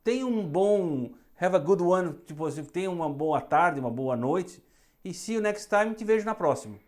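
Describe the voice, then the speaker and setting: A woman's voice: on the low side, expressive, darkish tone. Brazilian woman teaching English phrases. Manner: repeats phrases slowly for students to echo. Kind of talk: bilingual English lesson.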